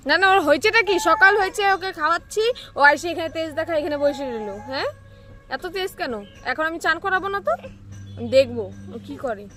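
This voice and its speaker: A woman's voice: very high-pitched, animated, brisk, music in the background. A woman scolding and coaxing her child in repeated short phrases, talking casually outdoors by a street, recorded on a phone camera. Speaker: mother. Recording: loud street noise behind.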